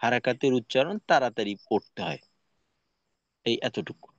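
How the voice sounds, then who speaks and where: A man teaching Quran reading in an online class, spelling out Arabic letters one by one and repeating each sound slowly for his students. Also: mid-range voice, lively intonation, vocal fry, dry recording, highs cut off.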